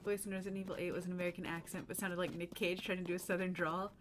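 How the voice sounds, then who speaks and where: A woman's voice: fairly low pitch, flat delivery, racing, a little hiss or hum. A woman streaming a game in a casual, playful and silly way, chatting with her viewers and the characters on screen. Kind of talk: casual gameplay livestream chat.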